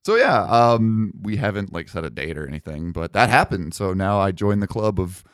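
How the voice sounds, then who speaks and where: A man's voice: fairly low pitch, sing-song, normal speed, clear, resonant tone, no room sound, studio quality. A young man hosting a casual podcast, chatting and telling stories about himself in a self-deprecating way. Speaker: podcast host. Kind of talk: casual chat.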